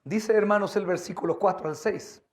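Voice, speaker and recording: A man preaching a sermon as pastor, impassioned, swinging between loud emphatic lines and hushed pleading, calling his listeners brothers and asking them rhetorical questions. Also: sits high, moderate pace.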